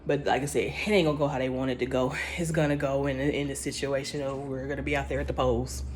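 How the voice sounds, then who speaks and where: Her voice is very deep and a little mellow, with little pitch movement and a quick pace, plus a slight hiss or hum. As a vlogger she talks directly to viewers in casual, emphatic, informal commentary, often restarting phrases and dropping grammar.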